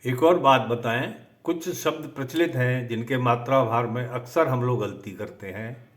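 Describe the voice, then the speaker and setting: A man teaching poetic meter in a slow, methodical lesson, dictating word lists. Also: mid-range voice. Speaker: poetry teacher.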